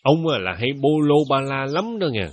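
An actor playing a proud but courteous village chess master who chuckles easily. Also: male voice, mid-range voice, very animated, normal speed, no echo, natural voice. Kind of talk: radio play acting.

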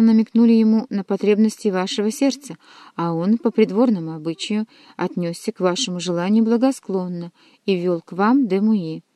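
A woman's voice: mid-range voice, mellow, no echo, studio quality, close to an everyday voice. A woman voicing an ardent, jealous young male nobleman who pleads his love. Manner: pleading, impassioned.

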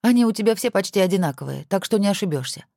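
A woman voicing a lively, witty wife who is an editor, with playful exclamations. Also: medium pitch, racing, creaky, dry recording, studio quality, pitched above the performer's own voice.

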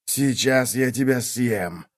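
A man's voice: medium pitch, slow, close to an everyday voice. A man voicing a hungry, boastful male wolf who growls out threats, read as a storybook tale. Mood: blustering. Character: hungry, blustering male wolf, easily tricked.

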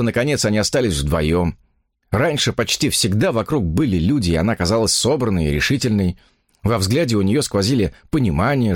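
Male audiobook narrator, lively expressive pitch, dry close studio sound, literary reading. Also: husky, no echo.

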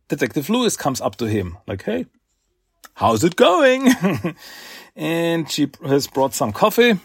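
A man's voice: a little high, no echo, studio quality. A man hosting a podcast who casually recaps comic book issues, rambling and acting out quoted lines with many fillers. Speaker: podcast host.

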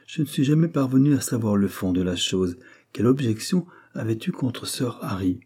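A man voicing an older father who speaks with calm, gentle firmness, in a read-aloud novel. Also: fairly low pitch, moderate pace, slightly rough. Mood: gently firm. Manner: gently reproving.

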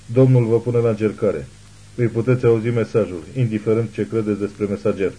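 A man voicing a zealous old woman who calls herself a prophet, speaking in a hushed but imperious way. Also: on the low side, steady tone, husky, low-quality recording. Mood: fervent preaching.

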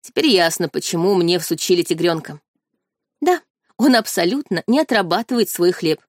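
A woman's voice: lowish voice, moderate pace, dry recording, studio quality. A woman reading a first-person audiobook with a wry, haughty tone. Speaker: audiobook narrator.

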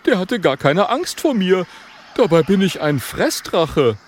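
A man voicing a loud, cheerful small male dragon who blusters and boasts. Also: sits high, big pitch swings, a little slow, a little hiss or hum, voice pushed up. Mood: boisterous. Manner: boisterous, blustery.

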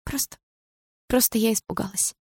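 Woman voicing soft pleading young student girl. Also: medium pitch, expressive, fast, no echo, clean studio sound, voice pushed up, natural voice. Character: gentle frightened young woman student, Dana.

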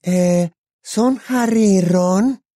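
Man doing a dreamy teen girl, high soft voice, slow and calm, audiobook, dry close sound. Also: no room sound. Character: dreamy, gentle teenage girl.

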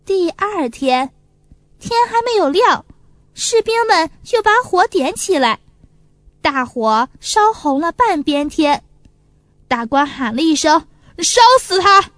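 Woman, storyteller, high lively voice, slow expressive reading, children's folk tale. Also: no room sound. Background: faint music.

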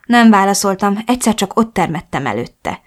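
An audiobook narrator reads a first-person novel in a mid-range, sing-song voice. Her storytelling is melancholic and emotional.

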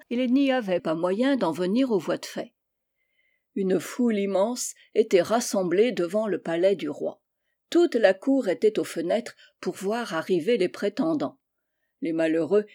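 Mellow-voiced woman reading a fairy tale. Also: medium pitch, unhurried. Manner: calm, even storytelling. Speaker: volunteer audiobook reader. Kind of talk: storybook narration.

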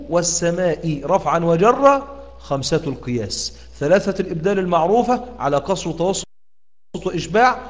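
A man with an Egyptian Arabic accent teaching Quran reading rules, stopping to quiz his students and stretching out example words as he recites them. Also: fairly high pitch. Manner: questioning, pausing with "what?" for students to answer; drawn-out demonstrative recitation of words. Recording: lo-fi online room audio with a long reverb.

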